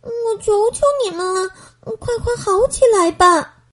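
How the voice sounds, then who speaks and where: A woman voicing Mabel, a possessive little girl gardener in a children's storybook, in a high childlike voice. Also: unhurried, fairly bright tone. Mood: pleading.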